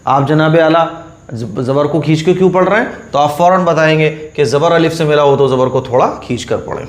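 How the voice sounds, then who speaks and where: A man gives a patient Quran reading lesson in a slightly raised voice. He drills each letter slowly and repeats the rule often. The room around him is echoey. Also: a little high.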